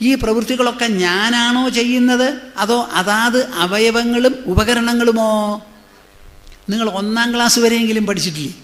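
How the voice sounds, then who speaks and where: A man's voice: extremely high pitch, steady tone, fairly bright tone. A man, a swami, giving a spiritual discourse, pressing his listeners with rhetorical questions and repeating phrases for emphasis. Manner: chants scripture verses slowly in a drawn-out way.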